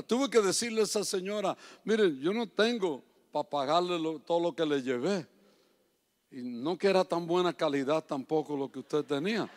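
A man preaching a sermon, moving between quiet personal stories and loud, impassioned appeals. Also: on the high side. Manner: swings from soft storytelling to loud impassioned preaching.

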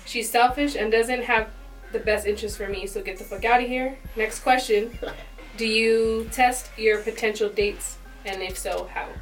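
A woman's voice: a little high, fairly even intonation, normal speed, recorded from a distance, soft background music. Woman guest reading aloud, off-mic. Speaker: podcast guest. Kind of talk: reading a post aloud in casual chat.

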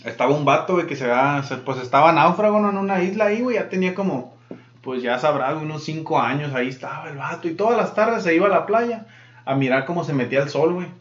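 A man's voice: on the high side, lively intonation, fast. A man with a Mexican Spanish accent casually telling crude jokes full of slang. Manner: crude slangy storytelling, bursts of loud laughter. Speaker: podcast co-host telling jokes. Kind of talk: casual joke-telling chat. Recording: roomy, dull lo-fi sound.

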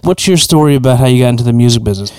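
A man's voice: mid-range voice, animated, racing, darkish tone, dry recording. A man hosting a podcast interview, chatting casually and laughing easily. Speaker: podcast host.

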